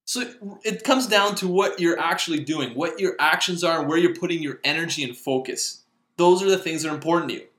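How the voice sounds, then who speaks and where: Bright-voiced man giving a motivational talk. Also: fairly high pitch, a little fast. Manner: chatty, rambling, many fillers and restarts. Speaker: podcast host. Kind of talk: casual motivational monologue. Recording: echoey room.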